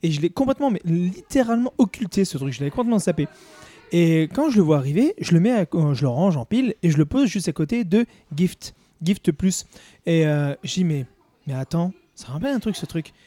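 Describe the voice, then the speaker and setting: Animated man telling a reading story. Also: high-pitched, brisk, no room sound. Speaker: bookseller, co-host. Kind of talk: casual podcast chat.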